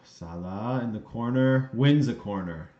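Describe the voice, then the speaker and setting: A man's voice: medium pitch, unhurried. Casual man in roomy lo-fi audio. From western Canada. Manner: reacts to play and reads out chat questions. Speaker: streamer hosting a live match watchalong. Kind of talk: casual live watchalong commentary. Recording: roomy, dull lo-fi stream audio.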